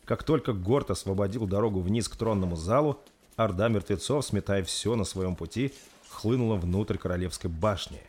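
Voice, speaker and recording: A man reading a dark fantasy story aloud in a steady, dramatic narration. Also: on the low side, normal speed, slightly rough. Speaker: audiobook narrator.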